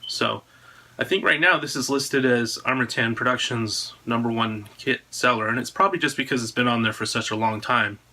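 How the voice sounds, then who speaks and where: An American man in his thirties, the designer of a drone frame, presents a product announcement in his own video, speaking casually to the camera from a room at home. His medium-pitched voice is brisk, pushed, and bright.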